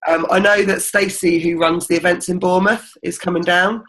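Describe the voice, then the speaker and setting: A woman's voice: on the low side, fairly even intonation, brisk, fairly bright tone, rough recording. A woman runs an indoor team meeting, chatty and upbeat. She fills gaps with ums and keeps the group going. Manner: chatty and encouraging, with many ums. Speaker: team leader. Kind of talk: casual team meeting talk.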